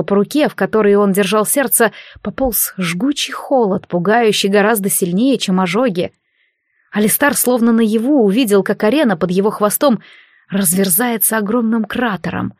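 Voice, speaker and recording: Woman, audiobook narrator, measured dramatic reading, mid pitch, dry close sound. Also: dry recording.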